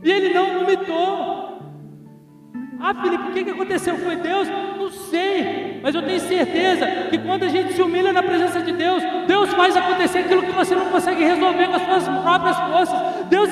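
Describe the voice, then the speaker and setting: Pastor in his forties, high voice, impassioned sermon, far from the mic in a reverberant hall with music underneath. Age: 40s. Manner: impassioned preaching, swings from soft to loud. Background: instrumental music.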